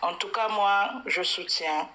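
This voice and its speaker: A woman's voice: medium pitch, measured pace, noisy background. A woman from Congo-Brazzaville, calling into a live chat as an activist, speaking emphatically with many restarts. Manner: emphatic, repetitive, hesitant restarts. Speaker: caller, activist.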